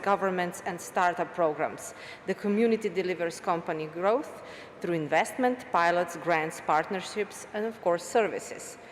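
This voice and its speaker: A woman's voice: mid-range voice, a little hiss or hum. Woman moderator in an echoey hall. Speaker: panel moderator. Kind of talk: reading speaker introductions. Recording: echoey hall with faint ambience.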